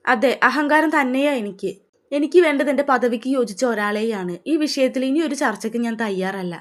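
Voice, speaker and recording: A woman's voice: a little high, fairly quick, natural voice. A woman voicing a proud, scornful rich father in a narrated story, with a harsh and contemptuous delivery. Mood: arrogant.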